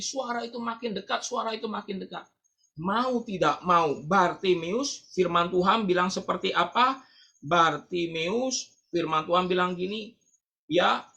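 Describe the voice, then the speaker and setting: A man preaching a sermon as pastor of a church, dramatic and swinging between loud calls and quiet asides. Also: sits high. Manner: acts out the blind man's cry.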